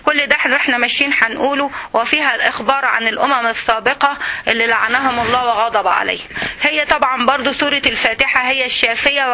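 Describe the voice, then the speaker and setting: A woman with an Egyptian accent teaching a religious lesson to women, often asking "okay?" and slowing down to recite verses. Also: high voice, pushed and bright. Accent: Egyptian Arabic. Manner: explains, asks "okay?" often.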